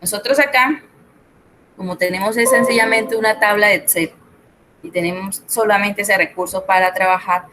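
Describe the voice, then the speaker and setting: A woman's voice: mid-range voice, moderate pace, poor audio. A middle-aged woman, tutoring an online spreadsheet class, explaining step by step and checking in with her students. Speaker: Excel tutor.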